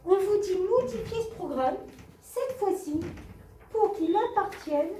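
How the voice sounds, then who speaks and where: A woman with a very high voice leads a math class, patient and steady, often checking that students follow. Her tone is soft and mellow, and she sounds set back from the mic in a roomy classroom. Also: unhurried. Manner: patient, repeats and asks the class questions. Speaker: math teacher. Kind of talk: classroom explanation. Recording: echoey classroom from far off.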